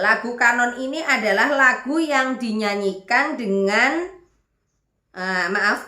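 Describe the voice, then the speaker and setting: A woman's voice: mid-range voice, pushed and bright. A woman music teacher giving an online lesson, explaining step by step and checking that students follow. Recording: echoey room.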